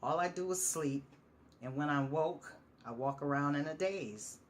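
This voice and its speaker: A woman's voice: deep voice, a little slow, slight background noise. A woman voicing a guilt-ridden, paranoid male veteran who drinks, talking in a raised, agitated, rambling way. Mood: bitter.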